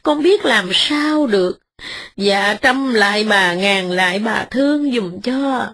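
A woman's voice: medium pitch, slow pace, fairly bright tone, breathy edge, full character voice. A woman voicing a poor male tenant who begs humbly. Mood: pleading. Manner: humble, begging.

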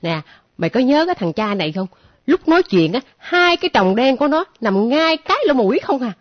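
A woman playing a brash husky spinster near forty. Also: high voice, very animated, a little fast. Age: late 30s. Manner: brash, blunt, defensive. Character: picky unmarried woman near forty, scorns men. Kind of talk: comedy sketch acting. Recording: dull lo-fi recording.

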